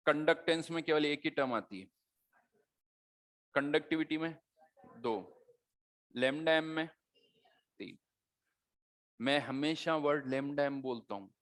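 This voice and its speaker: A man's voice: on the high side, fairly bright tone. Man lecturing chemistry in casual tone. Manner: conversational teaching, mixing Hindi with English terms, rhetorical questions. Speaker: chemistry teacher. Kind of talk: classroom lecture.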